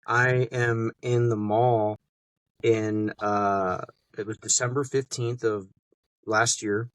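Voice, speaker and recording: A man from Montana, a podcast guest, retelling his run-ins in a casual, animated way and acting out other people's lines. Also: on the low side, slow pace, no echo. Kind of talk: casual storytelling interview.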